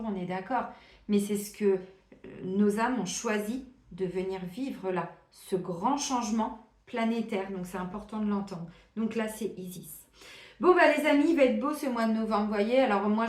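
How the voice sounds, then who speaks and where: A woman giving a spiritual card reading, in a soft, meandering way with frequent hesitations and asides. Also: mid-range voice, reverberant. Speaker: tarot and oracle card reader.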